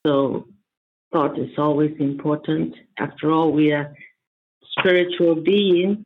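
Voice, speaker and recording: A man with a fairly high, gravelly voice speaks slowly and deliberately in a devotional style. He comes over a narrow phone-like line with faint noise. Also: fairly even intonation. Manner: measured, deliberate phrasing. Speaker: reader and discussion participant. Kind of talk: reading devotional texts and commenting.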